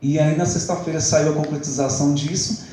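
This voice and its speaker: A man's voice: a little high, steady tone, a little fast, dark tone, slight background noise. Chatty young Brazilian man in echoey church. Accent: Brazilian Portuguese. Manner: chatty storytelling, acts out the dialogue, laughs often. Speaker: church worship leader giving testimony. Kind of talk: testimony in a church service.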